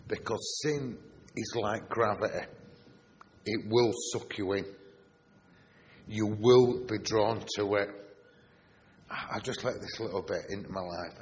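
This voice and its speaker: Preaching to his congregation, a Yorkshire man leans heavily on individual words with drawn-out emphasis and throws out rhetorical questions. His fairly low voice rings with a long reverb through the church hall, a faint hiss beneath it.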